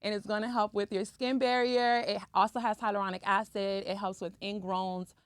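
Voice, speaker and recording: A woman speaks at normal speed with a flat delivery in a clear, resonant mid-range voice, with no echo. Originally from Cuba, she has lived in the US since age three and is an esthetician and skincare brand owner; as a podcast interview guest she chats freely and often checks in with the listener.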